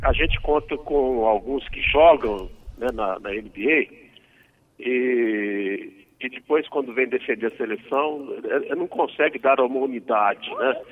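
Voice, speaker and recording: A man interviewing a guest on the radio, putting quick, probing questions to him. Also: medium pitch, narrow, tinny audio.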